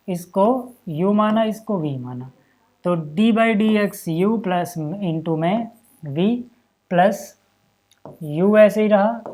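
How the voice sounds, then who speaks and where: A man's voice: sits high, a little mellow. Chatty man teaching a math lesson. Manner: chatty, keeps checking in with "है ना" and "यार"; talks to students as "भैया" and "भाई". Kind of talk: casual step-by-step math lesson.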